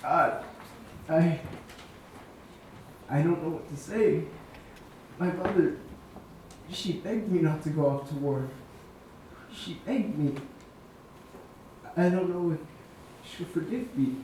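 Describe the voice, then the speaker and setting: A man playing a dying young wounded soldier in a stage play, homesick and humble, speaking weakly in halting gasps. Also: fairly high pitch, a little mellow, a little hiss or hum. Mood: dying, regretful. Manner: weak, halting gasping delivery with coughs. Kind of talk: stage musical play dialogue. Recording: echoey stage, distant mic, faint music.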